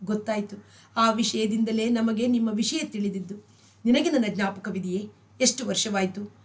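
A woman's voice: medium pitch, steady tone, moderate pace, close to an everyday voice. A woman reading a novel aloud, voicing a shy young widow who speaks hesitantly and earnestly. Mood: trembling.

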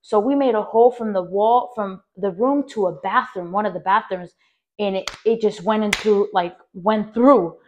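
A young adult woman hosting a podcast, telling a personal story in a rambling, animated way with lots of fillers and direct asides to her listeners. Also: mid-range voice, normal speed. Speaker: podcast host.

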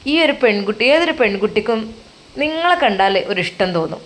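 A warm-hearted male cleric consoling a friend, as a woman reader puts him on, coaxing, reassuring and a little teasing. His voice sits in an everyday middle register and lifts higher when he urges his friend on. It comes across as a spoken storybook role. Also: lively intonation, a little fast, slight background noise, lightly acted. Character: kindly older male religious teacher, comforting friend.

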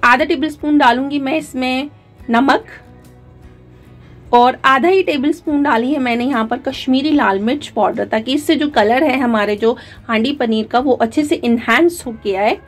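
A woman hosting a channel, narrating a recipe in a calm, step-by-step way frequent fillers and mixed in. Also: sits high, moderate pace, faint music behind. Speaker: cooking channel host.

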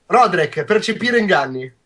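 A young man with a husky voice, refereeing and narrating a tabletop game as game master over a video call. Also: high-pitched, animated, normal speed, crowd noise. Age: young adult. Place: at home on a group video call.

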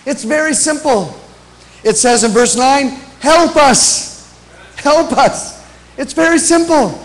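A man's voice: very high voice, slow pace, poor audio. A middle-aged man who grew up in Africa, preaching an emphatic missions sermon from a church pulpit and repeating his key phrases. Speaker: pastor, guest missionary preacher. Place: large church stage at a pulpit. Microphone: pulpit microphone.

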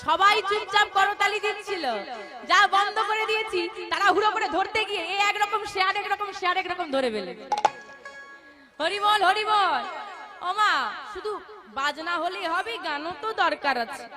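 A woman kirtan singer leading a devotional call-and-response, playfully teasing and coaxing her audience to chant louder. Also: extremely high pitch, a little fast. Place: live devotional gathering. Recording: live stage with music and crowd.

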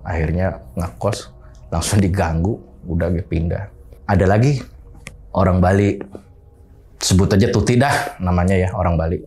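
A man's voice: sits low, normal speed, pauses often. A man, casually recounting a horror story from his boarding house and acting out what people said. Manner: animated retelling, acting out quoted dialogue.

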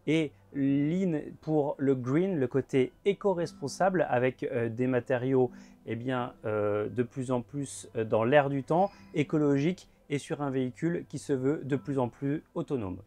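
A man in his thirties gives a guided tour inside a motorhome at a trade fair, talking in a measured way with frequent filler words. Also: medium pitch, warm tone. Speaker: motorhome show presenter. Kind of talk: guided vehicle walkthrough.

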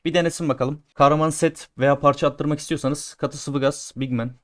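A man giving casual commentary on his own gameplay, chatting to his viewers and swinging between grumbling and loud cheering. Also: fairly high pitch, steady tone, fairly quick. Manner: chatty, talks to viewers as he plays. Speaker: gaming streamer.

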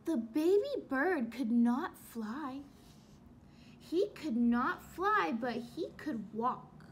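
A young woman teacher reading a children's book aloud and asking questions in an expressive, instructive way. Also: high voice, extremely slow, a little hiss or hum. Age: young adult. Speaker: elementary school teacher. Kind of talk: children's read-aloud lesson. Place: small room at home.

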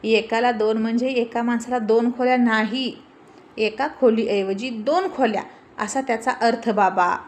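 A woman's voice: on the high side, steady tone, measured pace, close to an everyday voice. Woman reading as a bossy village guy barking orders, teasing and scolding the staff, storybook voice. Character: bossy, quick-witted village man ordering hotel staff.

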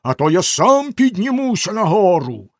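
A man voicing a cruel, menacing nobleman husband in a storybook reading, with slow, stern, threatening delivery. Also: on the high side, wildly swooping pitch, no room sound, studio quality, voice pushed up, exaggerated voice. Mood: shouting.

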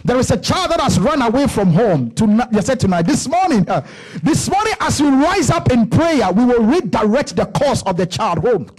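Man preaching, very high voice, husky edge, lively swooping delivery, handheld mic in church. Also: moderate pace, few pauses. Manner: preaching with rising shouts, rhythmic repetition. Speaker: pastor. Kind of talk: sermon. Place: church sanctuary stage. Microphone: handheld microphone.

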